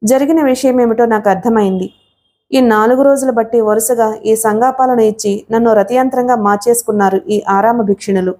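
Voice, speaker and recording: A woman narrating an audiobook with steady, even storytelling. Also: fairly high pitch, a little fast. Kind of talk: scripted narration.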